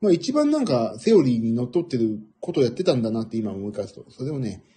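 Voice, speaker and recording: A middle-aged man with a husky voice hosting a casual, rambling audio stream in a self-deprecating manner. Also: mid-range voice, big pitch swings, fast talker, dark tone. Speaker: audio livestream host.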